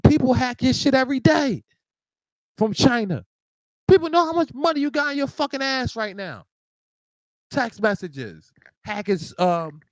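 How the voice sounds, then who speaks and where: Show host, male, high bouncy voice, animated rant, close dry mic. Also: dry recording, rough recording. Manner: animated ranting with laughs and repeated restarts. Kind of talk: live talk show monologue.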